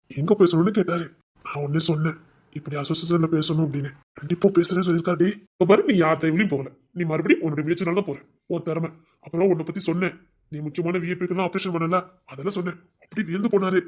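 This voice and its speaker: A man's voice: high-pitched, a little mellow. A man with a Tirunelveli Tamil accent playing a remorseful young husband who tenderly coaxes his pregnant wife in a domestic drama. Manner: tender, pleading, coaxing. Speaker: actor in a web series. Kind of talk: emotional domestic drama acting.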